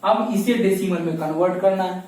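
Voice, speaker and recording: High-voiced male math teacher, echoey room. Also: normal speed, darkish tone, recorded from a distance. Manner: asks questions and answers them himself, repeats key steps. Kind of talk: classroom lesson explaining step by step.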